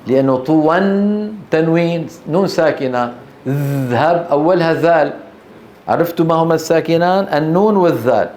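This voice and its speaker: A man runs a tajweed class, rattling through rules and quizzing his students before slowing down to chant the examples. His voice sits a little high for a man. The room is echoey, with a faint hum of noise behind him. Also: darkish tone. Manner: quick explanations with questions to the class, slow chanted recitation examples. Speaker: Quran recitation teacher. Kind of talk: classroom tajweed lesson with recitation.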